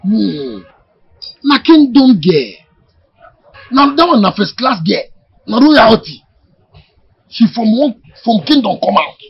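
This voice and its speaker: A man with a Nigerian accent playing an excitable, scheming mechanic in a Nollywood film. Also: high-pitched, slow pace, gravelly, pauses often, husky, exaggerated voice. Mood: persuading. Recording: dull film audio with music.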